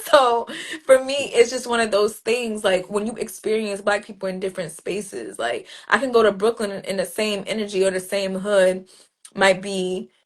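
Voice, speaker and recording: Speaking at a moderate pace in a mid-range voice, this New Jersey poet tells stories during an interview in a relaxed, lively way. She performs street greetings by slipping into different voices.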